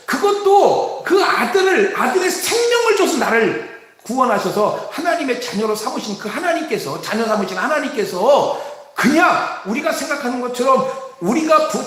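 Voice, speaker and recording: A man pastor preaching a sermon with emphasis, rising to shouts and acting out scolding parents. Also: very high voice. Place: church sanctuary. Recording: very echoey church hall.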